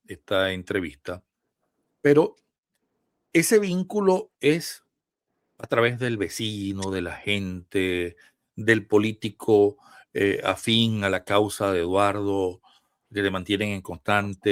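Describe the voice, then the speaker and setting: Brief: Venezuelan male host, low voice, dry close sound, thoughtful measured questions. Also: no echo. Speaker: interviewer, host. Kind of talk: remote interview questions.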